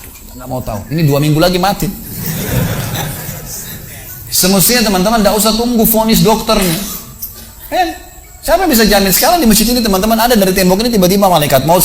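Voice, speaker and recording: A man preaching a sermon, telling a story that swings between hushed and raised passages. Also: high-pitched, a little hiss or hum. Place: mosque.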